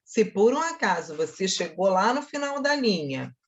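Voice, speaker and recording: A woman teacher with a Brazilian accent giving a grammar lesson to schoolchildren, talking straight to her pupils and slowly sounding out syllables. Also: medium pitch, very animated. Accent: Brazilian Portuguese. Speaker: Portuguese teacher.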